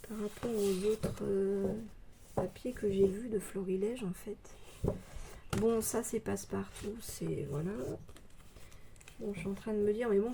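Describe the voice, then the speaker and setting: A woman vlogger chatting casually about scrapbooking papers, hesitant with many fillers, pausing to read labels aloud slowly. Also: medium pitch, creaky, background noise. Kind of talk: casual show-and-tell haul. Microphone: phone.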